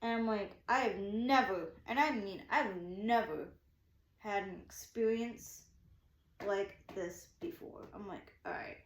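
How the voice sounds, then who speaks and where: A twenty-something woman vlogger tells a story in a relaxed, rambling way, repeating herself as she quotes her own thoughts. Her mid-range voice takes its time, and the room around her echoes.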